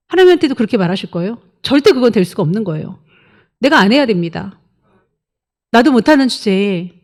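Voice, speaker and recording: A woman's voice: on the high side, darkish tone. A woman pastor preaching a sermon emphatically, firing rhetorical questions and prodding the congregation for answers.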